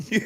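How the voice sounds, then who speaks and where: A man giving mocking commentary over a clip, laughing often as he teases the people in it. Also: a bit bright. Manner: laughs often, teasing and sarcastic. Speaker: streamer reacting to a call.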